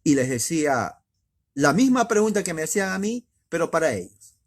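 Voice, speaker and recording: Male preacher, husky and a bit breathy, talks it through like a chat, then punches key lines with rhetorical questions. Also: very animated, moderate pace. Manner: emphatic, rhetorical questions, sharp swings of pitch and loudness. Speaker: preacher teaching doctrine. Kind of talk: conversational sermon.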